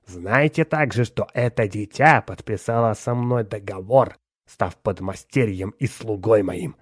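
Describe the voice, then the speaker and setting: A man voicing a tall, gaunt old male accountant who makes slow, measured, solemn pronouncements in an audiobook. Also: fairly low pitch, no room sound, clean studio sound. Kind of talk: audiobook character voice.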